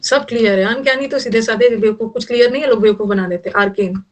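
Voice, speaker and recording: A woman's voice: on the high side, quick pace, recorded from a distance. A middle-aged woman teaching an English vocabulary class, mixing Hindi and English and using jokey memory tricks for each word.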